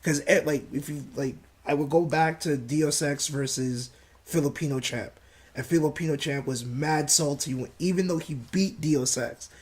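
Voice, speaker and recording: A man's voice: on the high side, normal speed. A man co-hosting a casual podcast, rambling with lots of filler words. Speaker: podcast co-host. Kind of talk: casual gaming chat.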